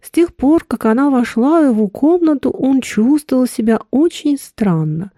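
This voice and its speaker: A woman narrating a literary story in a measured, expressive reading. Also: high voice, no echo, clean studio sound. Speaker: audiobook reader.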